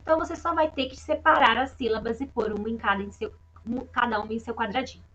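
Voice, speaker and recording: A woman with a Brazilian Portuguese accent, teaching young children in a recorded lesson with slow, sing-song talk and frequent check-ins. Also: on the high side, a bit bright, breathy edge, muffled recording. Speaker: primary school teacher.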